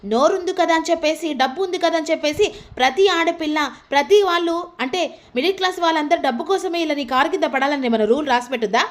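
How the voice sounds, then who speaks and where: A woman voicing a fiery, outspoken young woman who argues loudly in a recapped TV story. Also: high-pitched, lively intonation, a little fast, long pauses. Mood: angry. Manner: loud, quarrelsome.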